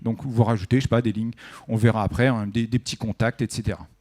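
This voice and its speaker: A man's voice: on the low side, fairly even intonation, fast, darkish tone. A man giving a conversational technical talk at a conference, often asking the audience questions. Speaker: conference speaker. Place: conference room.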